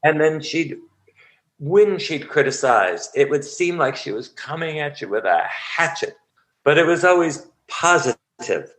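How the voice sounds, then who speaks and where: A man's voice: a little high, measured pace, poor audio. An older man, an acting coach, telling stories in an interview and acting out the people he describes. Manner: animated storyteller who acts out the people he describes. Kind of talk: storytelling interview.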